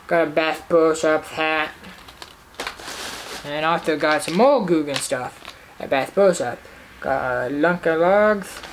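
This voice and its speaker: Slow, rambling young man in a noisy room. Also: high-pitched. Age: young adult. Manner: rambling, halting, repeats himself with many fillers. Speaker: fishing vlogger. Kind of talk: casual tackle haul show-and-tell. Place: living room indoors. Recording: noisy home recording.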